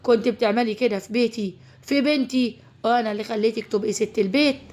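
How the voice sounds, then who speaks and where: A woman's voice: a little high, quick pace, lightly acted. A woman voicing an enraged middle-aged father who rages at his wife, with an Egyptian Arabic accent. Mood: raging. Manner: raging, shouting.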